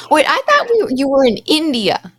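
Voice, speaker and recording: Woman interviewer, eager and inquisitive, reacts with surprise. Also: sits high. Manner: curious, animated questions with exclamations. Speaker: interview host. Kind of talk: interview conversation.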